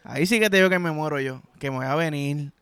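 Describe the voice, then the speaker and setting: Bright, high-voiced Puerto Rican man. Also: quick pace, clear, resonant tone, no echo, soft background music. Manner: vulgar, rambling and playful, full of slang. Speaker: podcast host. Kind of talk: crude comedic podcast monologue.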